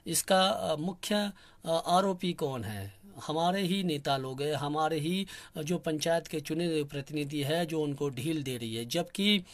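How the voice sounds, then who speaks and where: A young man from Kinnaur, speaking earnestly in a soft, quiet voice and pausing often with fillers as he makes a public appeal. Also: fairly high pitch. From Kinnaur, Himachal Pradesh, India. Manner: earnest, complaining, many pauses and fillers. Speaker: local activist speaking on a channel.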